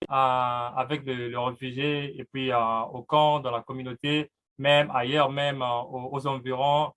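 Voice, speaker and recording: A man's voice: medium pitch, little pitch movement, moderate pace, a bit bright. A man in his twenties speaking as a panelist, hesitant with many fillers. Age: 20s. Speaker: panelist, fitness project founder. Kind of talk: online panel talk.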